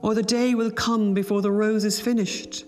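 A woman's voice: mid-range voice, level tone, moderate pace, a little mellow, big-room sound, soft background music, voice pushed up, lightly acted. A woman reading aloud voices a talking rose tree that urges on a nightingale. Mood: urgent. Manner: urgent, pleading.

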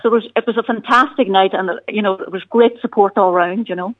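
A woman's voice: medium pitch, steady tone, quick pace. A woman with a Donegal Irish accent answering as a radio interview guest, often dropping in "you know" and "look". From County Donegal, Ireland. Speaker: bank territory manager, interview guest. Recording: tinny phone-line sound.

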